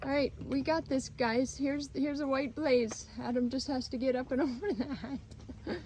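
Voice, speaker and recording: Mom vlogging on a hiking trail, high voice, easygoing unhurried talk, lots of outdoor noise. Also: female voice, fairly even intonation, darkish tone. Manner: chatty, upbeat, laughs often. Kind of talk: casual trail vlog narration. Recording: noisy outdoor recording.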